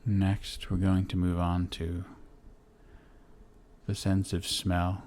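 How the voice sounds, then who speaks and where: A man guides a relaxation body scan, speaking in a monotone with a deep, gentle, mellow voice that has soft edges. He delivers short phrases very slowly, separating every instruction with a long, soothing pause.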